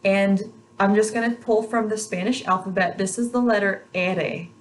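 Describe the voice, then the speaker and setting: A woman's voice: mid-range voice, steady tone. Woman teaching rolled R exercises, noisy background. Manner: repeats practice sounds slowly and encouragingly, with tapped R demonstrations. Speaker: language pronunciation teacher. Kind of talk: instructional pronunciation lesson, demonstrating rolled R exercises.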